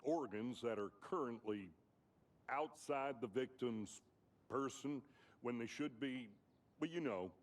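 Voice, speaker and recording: A man's voice: medium pitch, takes it slowly, lightly acted. A man playing a folksy, rambling, slightly hesitant small-town deputy in scripted video game dialogue. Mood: folksy, chatty.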